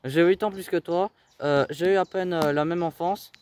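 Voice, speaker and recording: A man's voice: a little high, normal speed, darkish tone, a little hiss or hum. A man in his late twenties from Belgium, a business owner giving a teenager direct, pushy advice with many fillers. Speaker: business owner mentoring a teen. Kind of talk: motivational talk.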